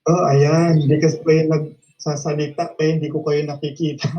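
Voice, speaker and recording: A man's voice: fairly high pitch, flat delivery, mellow. Filipino man moderating an online class. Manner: brisk, switches between English and Tagalog. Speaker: course facilitator. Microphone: video call. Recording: dull lo-fi video call audio.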